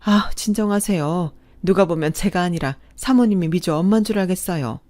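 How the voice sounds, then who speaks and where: A woman's voice: lowish voice, normal speed, dark tone, natural voice. A woman voicing a wealthy, fiercely protective middle-aged woman who talks indignantly and gives orders. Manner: indignant, commanding.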